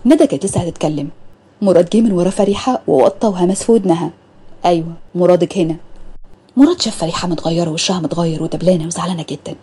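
An Egyptian woman narrates a romance story in a brisk, conversational way. Her voice is mellow and husky. She rushes through the story at a very quick pace. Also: lowish voice. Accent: Egyptian Arabic.

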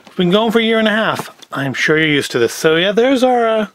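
Hosting a food review show from an indoor tabletop set, this man speaks in a high, animated voice with a fairly bright tone and a fairly quick pace. His casual, off-the-cuff product review is peppered with wry jokes at his own expense, while packaging crinkles and clicks sound clearly behind him.

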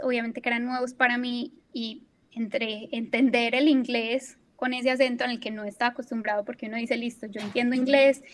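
A young woman from Colombia answering interview questions in a casual, hesitant way, with frequent fillers and restarts. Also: fairly high pitch. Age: young adult. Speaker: guest, climate risk analyst. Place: at work in Bermuda.

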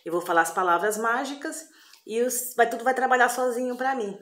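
A woman's voice: fairly high pitch, a little fast, fairly bright tone, pitched above the performer's own voice, natural voice. A woman voicing a lazy young apprentice boy who panics, whines and stammers, told as a spoken story. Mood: smug. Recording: echoey room.

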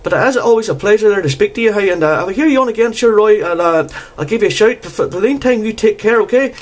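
High and animated, this amateur radio operator's voice moves at a quick pace as he makes casual conversation on a radio contact. Again and again, he caps off his phrases with "there."

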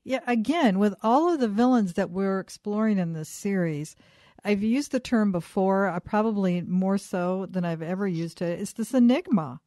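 A woman hosting a faith podcast, asking thoughtful questions in a halting, conversational way. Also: mid-range voice, warm tone, dry recording, clean studio sound. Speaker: podcast host and interviewer. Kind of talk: conversational interview.

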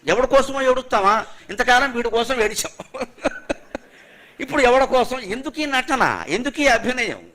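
A man's voice: extremely high pitch, lively intonation, sharp tone. Emphatic man giving a discourse. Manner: emphatic rhetorical questions, chants verses slowly. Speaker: spiritual speaker. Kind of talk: religious discourse.

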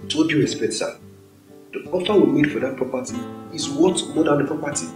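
Actor as cautious deferential lawyer, Nigerian English accent, measured, echoey room, music behind. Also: male voice, a little high, lightly acted. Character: cautious lawyer advising a powerful chief.

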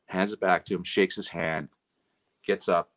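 Guest storyteller: man from Canada, lowish voice, animated, slips into characters' voices when quoting, tag questions. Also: measured pace. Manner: animated anecdotes, acting out quotes, frequent "right?". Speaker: guest, road manager. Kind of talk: casual storytelling chat.

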